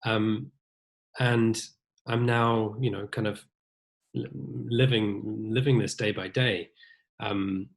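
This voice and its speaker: In a casual interview, a young violinist from New Zealand with a British accent speaks thoughtfully, with many restarts, fillers and long pauses. His voice is fairly low, steady, slow and gravelly, and the recording is rough.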